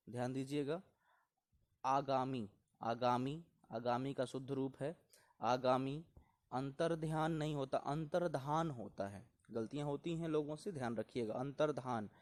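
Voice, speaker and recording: A man's voice: medium pitch, a little mellow. A male teacher going through correct Hindi spellings word by word for exam students, repeating each word and telling them to take care. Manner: repeats words slowly and reminds students to pay attention. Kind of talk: exam-prep spelling lesson.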